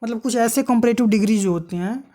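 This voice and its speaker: A woman's voice: on the high side, fast, warm tone. Woman teaching grammar. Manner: explains patiently, asks and answers her own questions. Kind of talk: exam-prep grammar lesson.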